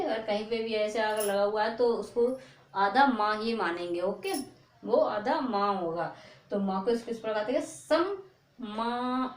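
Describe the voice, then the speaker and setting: A woman teaching a reading lesson, stretching out each word slowly and checking in with "okay" after each one. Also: medium pitch. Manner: slow, drawn-out repetition of words, frequent "ok" checks. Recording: echoey room.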